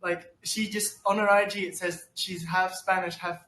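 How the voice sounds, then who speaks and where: A man chatting casually on a podcast, agreeable and quick to chime in with "exactly" and "no way". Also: high voice, little pitch movement, bright, forceful tone. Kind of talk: casual chat. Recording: echoey room with faint background noise.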